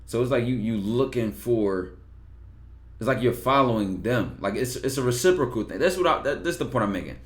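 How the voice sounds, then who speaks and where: Here a male live-streamer takes callers, his medium-pitched voice lively in intonation and brisk in pace. The talk is casual and loose, delivered bluntly with curses and rhetorical questions sprinkled throughout.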